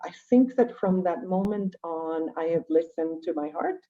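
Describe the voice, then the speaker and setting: A Venezuelan woman, a native Spanish speaker who directs an education nonprofit, tells her own story as a guest. Her lowish, warm voice keeps a moderate pace, and she speaks conversationally and reflectively, often checking in with rhetorical questions. The call audio is dull and lo-fi.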